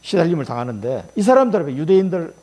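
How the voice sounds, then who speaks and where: A man's voice: a little high, sing-song, rapid-fire, warm tone. A middle-aged male pastor preaching a sermon in a colloquial storytelling way, acting out quotes as he goes.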